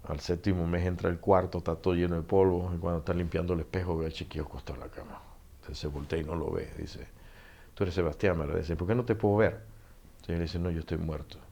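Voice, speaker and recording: Fast-talking and low-voiced, a middle-aged man with a Panamanian Spanish accent appears as an author guest in a casual interview. He animates his stories by acting out the dialogue, laughing frequently.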